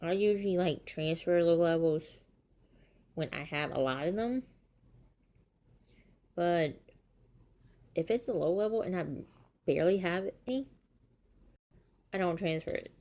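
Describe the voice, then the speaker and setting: A woman's voice: on the low side, measured pace, pauses often. Chatty woman streaming a phone game. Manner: chatty and animated, exclaims in surprise. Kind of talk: casual game commentary.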